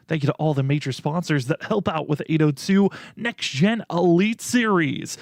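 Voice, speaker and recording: A man's voice: fairly high pitch, gravelly, dry recording. A man hosting a race broadcast, reading out sponsor thanks as an introduction.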